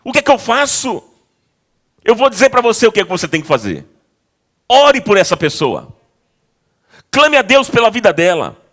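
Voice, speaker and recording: A male pastor preaching a sermon in a church, with a notably high voice. He calls out to the congregation with force, then drops to a quiet, near-hushed tone to tell a story. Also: huge pitch swings, moderate pace, pauses often. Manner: swings between loud exhortation and quiet storytelling.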